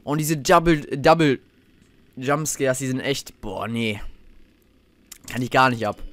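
A man's voice: medium pitch, fairly even intonation, a little slow, fairly bright tone. A young man commenting on a horror video game as he plays, talking to himself, swearing and getting jumpy. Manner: jumpy, swears, talks to himself under his breath. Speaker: let's play host.

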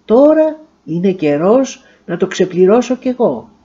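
Brave, tender young captain, soft and earnest, read by a woman; warm voice, slightly dull recording. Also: mid-range voice, big pitch swings, husky. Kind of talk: storybook reading.

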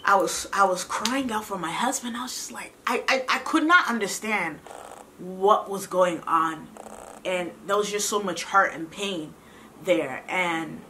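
A woman's voice: mid-range voice, unhurried, sharp tone, a little hiss or hum. A young woman sharing a faith testimony in an earnest, preachy way, often repeating herself and calling viewers sis. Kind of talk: heartfelt testimony talk.

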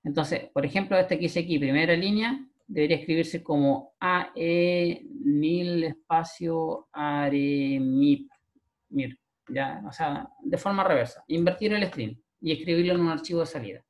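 The audio is dull, and the man's fairly high voice moves briskly with few pauses. He's a programming lecturer with a Chilean Spanish accent, giving a recorded screen-share class step by step and often asking "¿ya?".

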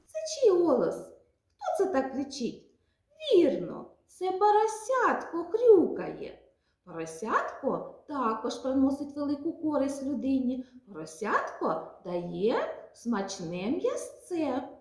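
A woman preschool teacher from Ukraine leads toddlers through a nature lesson. Her voice is high and swoops up and down in a wildly lively, sing-song way. She speaks slowly and coaxingly, and the recording sounds like an echoey room. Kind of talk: nature lesson for small children.

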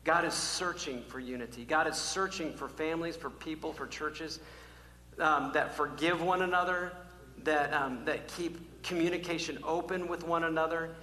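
A male pastor preaching a sermon to his church, emphatic and repetitive, swinging from loud calls to hushed, almost whispered lines. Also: fairly high pitch, fairly even intonation, moderate pace. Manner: emphatic, repeats key words, varies from loud calls to near-whisper. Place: church sanctuary. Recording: echoey hall, faint hum.

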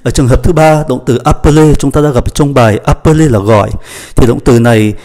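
A man's voice: medium pitch, dark tone. Patient male French grammar teacher. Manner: slow, patient, spells out letters and repeats conjugations. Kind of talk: grammar lesson explaining verb conjugation.

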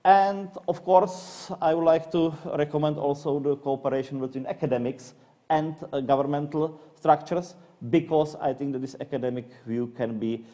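Speaking English as an academic panelist, a Czech man with a Czech accent delivers his points haltingly, with frequent fillers and repeated words. His voice is mid-range and dark-toned.

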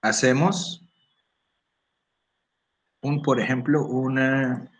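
A man's voice: mid-range voice, little pitch movement, very slow. Casual man explaining an app. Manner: casual, explanatory, asks "¿sí?" often, clears throat. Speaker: workshop instructor. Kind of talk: screen-recorded app tutorial. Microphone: computer or phone microphone.

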